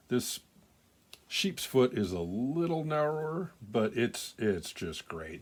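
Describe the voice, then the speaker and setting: Older man, low-pitched voice, folksy plain talk, casual show-and-tell, unhurried rambling. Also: slight background noise. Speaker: knife collector presenting his pocketknives.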